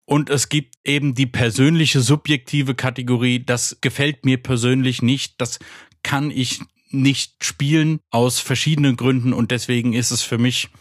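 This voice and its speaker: Male guest, mid pitch, rambling and eager, dry close mic. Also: dry recording. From Frankfurt, Germany. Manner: rambling, enthusiastic, self-interrupting. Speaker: podcast guest. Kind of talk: casual podcast chat.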